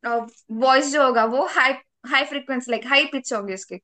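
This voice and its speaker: A woman with a high voice answers a question in an online class over a video call. She explains step by step and pauses on hesitant fillers as she goes. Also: bright, forceful tone. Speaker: class participant.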